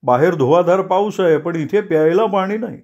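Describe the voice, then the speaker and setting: A man doing a fretful, high-voiced timid clerk. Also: normal speed, darkish tone, highs cut off.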